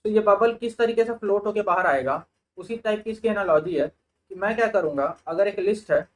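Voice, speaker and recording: A man's voice: high-pitched, a little fast, poor audio. A young man with an Indian accent teaching sorting algorithms, explaining each step and thinking aloud as he goes. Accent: Indian English. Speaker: computer science tutor. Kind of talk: lecture on sorting in Hindi-English mix.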